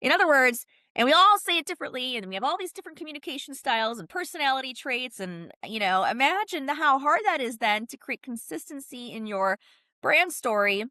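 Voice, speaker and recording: A woman who is a brand consultant and author explains ideas as an interview guest, talking conversationally in an emphatic, punchy style with colloquial asides. Her voice sits high, animated, fairly quick, pushed and bright, in a dry, clean studio recording.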